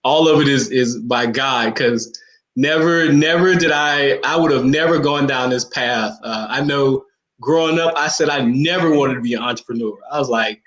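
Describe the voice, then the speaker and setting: An easygoing man hosting a relaxed talk show. His voice sits at an ordinary middle pitch, and he talks in a reflective, conversational way. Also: normal speed, muffled recording. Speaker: host, fashion designer. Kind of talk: casual talk show chat.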